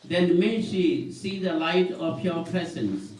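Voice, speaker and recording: A man leading a funeral burial as priest, reciting solemn graveside prayers in measured, formal phrases. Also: high voice, darkish tone. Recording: distant, very echoey, faint background noise.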